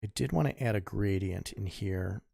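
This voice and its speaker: Casting: man in his 50s, deep gravelly voice, dry close sound, rambling artist talking through his drawing. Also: moderate pace, mellow, no room sound. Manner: rambling, self-correcting, mutters to himself. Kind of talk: casual tutorial chat while drawing.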